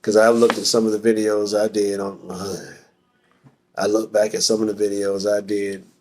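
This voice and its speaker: Teasing dad, low voice. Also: male voice, flat delivery, a little mellow, slight background noise. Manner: joking, teasing, halting restarts. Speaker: father, podcast guest. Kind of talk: casual chat.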